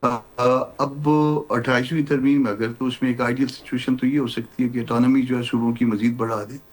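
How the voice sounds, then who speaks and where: A man appearing as a party lawmaker on a political talk show, explaining his party's stance in a measured way. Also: medium pitch, flat delivery, low-quality recording.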